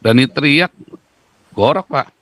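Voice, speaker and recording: A man speaking as a guest commentator in a talk-show discussion, emphatic and lecturing, with sudden jumps in pitch. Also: animated, a little slow, a bit bright, no echo.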